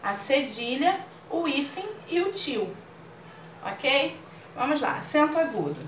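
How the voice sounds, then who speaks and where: Brazilian female teacher, slow deliberate delivery, slightly high voice, roomy distant mic, faint room hiss. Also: big pitch swings. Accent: Brazilian Portuguese. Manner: patient, explains slowly and checks understanding with "ok?". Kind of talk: online class lesson.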